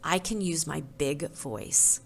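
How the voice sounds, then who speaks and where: A woman's voice: low voice, takes it slowly, full character voice. A small, timid girl earthworm from a children's storybook, as a woman reads her. She speaks earnestly and plainly, close to the reader's own voice. Her lines are simple and direct. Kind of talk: storybook read-aloud.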